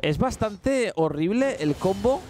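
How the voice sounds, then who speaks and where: A man's voice: high voice, expressive, takes it slowly, dark tone, a little hiss or hum. A man with a Spanish accent giving jokey, chatty colour commentary on a live esports broadcast. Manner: chatty, jokey, laughs often.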